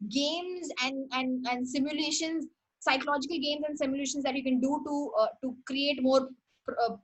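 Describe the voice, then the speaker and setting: A woman's voice: high voice, steady tone, moderate pace. A young woman with an Indian English accent hosting a casual livestream, rambling, correcting herself and laughing often. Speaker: host. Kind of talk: casual livestream talk on art history.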